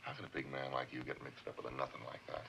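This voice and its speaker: A sneering, vengeful diner cook. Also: male voice, a bass voice, fast, gravelly, sharp tone, a little hiss or hum, exaggerated voice, poor audio. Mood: bitter. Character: resentful diner cook man, bitter and vengeful. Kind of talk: 1950s film noir acting.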